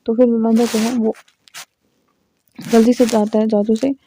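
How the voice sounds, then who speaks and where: A woman's voice: a little high, flat delivery, unhurried, dark tone, a little hiss or hum. A woman casually retelling a drama's plot in a plain, repetitive storytelling way. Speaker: story narrator.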